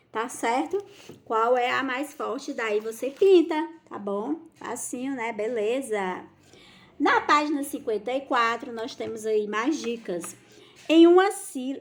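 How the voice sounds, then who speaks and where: A woman's voice: sits high, a bit bright. A Brazilian woman teacher giving a recorded lesson to young children, affectionate and patient, stretching out key words as she explains. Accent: Brazilian Portuguese.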